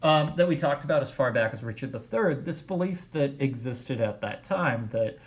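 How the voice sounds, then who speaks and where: A man's voice: medium pitch, expressive, moderate pace. A male teacher giving a recorded video lecture in a casual way, thinking aloud with frequent fillers.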